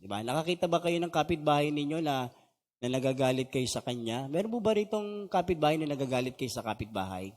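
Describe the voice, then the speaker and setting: A man's voice: on the high side, expressive, quick pace, a little mellow. A middle-aged male pastor giving a conversational values seminar, asking his audience questions and mixing in English phrases. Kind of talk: seminar lecture to a live audience. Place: meeting hall with an audience. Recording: reverberant hall.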